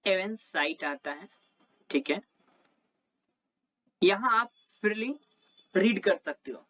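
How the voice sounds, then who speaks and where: A young Indian woman explaining exam preparation over slides, switching between Hindi and English and often checking in with the listener. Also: low-pitched. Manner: mixes Hindi and English, checks in with "okay" and "theek hai". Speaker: exam prep tutor. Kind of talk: slide-based exam prep lesson. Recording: slightly dull lo-fi audio.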